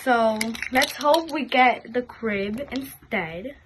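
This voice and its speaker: A woman with a high voice hosts a casual unboxing video, talking informally and directly to her viewers. There is noticeable background noise with small clicks behind her. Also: slow pace. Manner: informal, repeatedly addressing viewers as "guys". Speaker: host of a toy unboxing video. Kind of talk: casual chatty unboxing vlog.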